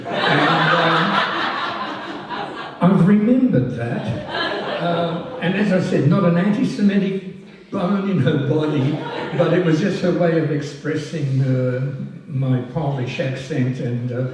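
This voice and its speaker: In a big, very echoey hall at a public event, a past president from France is honoured at a society oration amid audience laughter and a noisy background. He is an older man with a slightly high voice, a little distant from the microphone. He talks slowly and self-deprecatingly, stumbling through many ums and restarts.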